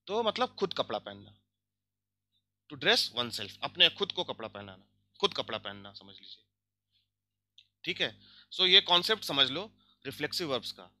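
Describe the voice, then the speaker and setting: Bright-voiced young man teaching grammar. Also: a little high. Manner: explains step by step, often checks with "theek hai"; slow careful drilling of example words. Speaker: language teacher. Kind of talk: grammar lesson.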